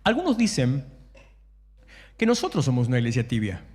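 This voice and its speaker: A man with a Rioplatense Spanish accent preaching a sermon as a pastor, animated and humorous, mimicking the shouts of worshippers. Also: medium pitch, normal speed. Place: church sanctuary. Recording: echoey church hall.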